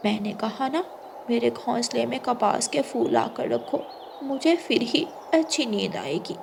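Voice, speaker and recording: A woman's voice: on the high side, very animated, unhurried, vocal fry, background noise, full character voice. A woman doing a bossy mother-in-law bird. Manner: demanding, scolding. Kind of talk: storybook cartoon voice acting.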